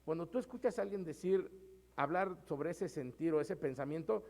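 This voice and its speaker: A man's voice: fairly high pitch, normal speed, vocal fry, dark tone. A male pastor, preaching a sermon in a conversational way and often addressing the congregation as brothers.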